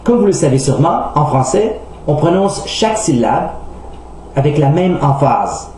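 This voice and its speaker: A man with a Québécois French accent, a native French speaker teaching English pronunciation in a scripted lesson, speaking slowly and carefully. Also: on the high side, big pitch swings, a little mellow. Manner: slow, careful, enunciating word examples. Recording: very echoey room, faint hum.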